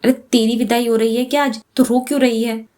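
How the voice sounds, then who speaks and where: Woman narrator putting on bright teasing younger sister, bossy and cheeky, storybook reading. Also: on the high side, steady tone, fairly quick, voice pushed up, close to an everyday voice. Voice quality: playful, teasing.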